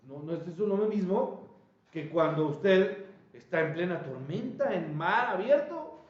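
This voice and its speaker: A man preaching a sermon, animated, calling out questions to his congregation. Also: high voice, a little slow, reverberant, highs cut off. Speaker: pastor. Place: church.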